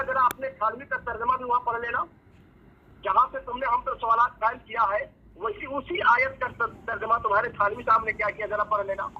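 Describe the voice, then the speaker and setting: A man in a heated religious debate, lecturing and taunting his opponent, telling him to go read the translation. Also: extremely high pitch. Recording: muffled lo-fi recording with faint hiss.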